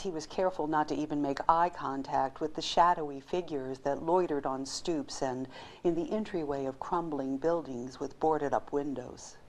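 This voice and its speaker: A woman who works in voice-over, narrating a story expressively and playfully, with lively asides. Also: low-pitched. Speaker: voice-over actor.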